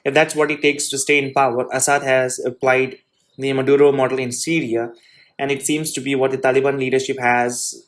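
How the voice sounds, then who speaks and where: A man reads an essay aloud for his show and keeps stopping to comment on it. His delivery is halting, with restarts and a steady stream of "you know" fillers. His pitch stays level and narrow, and his voice sits at an ordinary middle height. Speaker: host.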